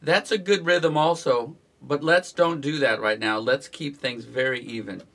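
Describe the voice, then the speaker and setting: A man teaching guitar strumming in a relaxed, instructional way, counting the beats aloud as he plays. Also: medium pitch, measured pace, gravelly. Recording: guitar playing behind the voice.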